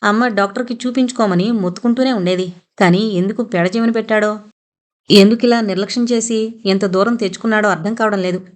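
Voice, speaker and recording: A woman's voice: medium pitch, fairly even intonation, a little fast, lightly acted. Sorrowful young man fighting back tears, as a woman narrator reads him. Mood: grieving. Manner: sorrowful, restrained.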